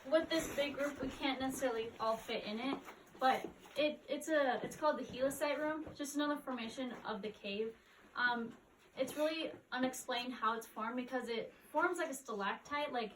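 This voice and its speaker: Cave guide, woman, high voice, informal explanatory delivery, distant mic inside a cave. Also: a bit bright, a little hiss or hum. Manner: casual, frequent "like" and "kind of". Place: inside a cave, speaking to group.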